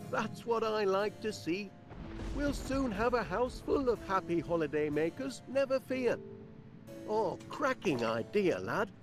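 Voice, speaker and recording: A middle-aged northern English inventor for a video game. He is chirpy, polite and eager to please, speaking high with a lively lilt. Music plays underneath. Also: measured pace, full character voice. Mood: cheery. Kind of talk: video game character acting.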